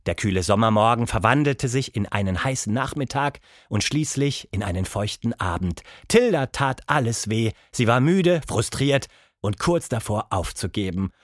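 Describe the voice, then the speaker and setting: A man narrating a children's story in an expressive, scripted way, jumping in pitch for characters. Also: normal speed, no echo, studio quality.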